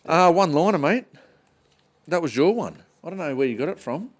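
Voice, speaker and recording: A man's voice: a little high, expressive, fairly quick. A man with an Australian accent hosting a casual podcast, chatting in a slangy, blokey way like an Aussie tradesman. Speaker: podcast host. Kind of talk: casual banter.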